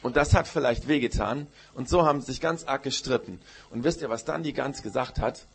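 A man's voice: medium pitch, brisk, breathy edge. A man, a pastor telling a Bible story to children in church, with many questions to them. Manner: storytelling to children, asks questions, uses "gell".

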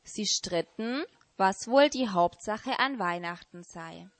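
A woman reading an animal fable aloud, giving the animals lively voices. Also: mid-range voice, takes it slowly, no echo. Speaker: reader.

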